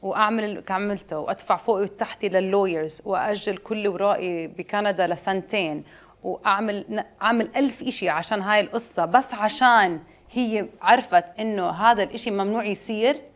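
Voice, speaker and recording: A woman with a Jordanian Arabic accent speaks casually as an interview guest, switching between Arabic and English phrases. Her pitch sits in the middle range, and she comes across as candid and sure of herself. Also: fast. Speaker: interview guest, detox juice business owner. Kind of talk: casual conversational interview answers.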